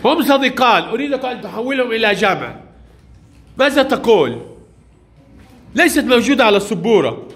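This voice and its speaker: Male teacher, high and animated voice, short prompts and praise for young pupils in a classroom reading lesson. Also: a little fast, pauses often, a little hiss or hum. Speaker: primary school teacher.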